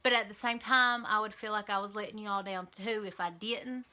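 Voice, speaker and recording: Chatty Kentucky woman, bright voice. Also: medium pitch, steady tone, fairly quick. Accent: Eastern Kentucky. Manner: chatty and candid, with frequent ums and likes. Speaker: vlogger. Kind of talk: casual chat to camera.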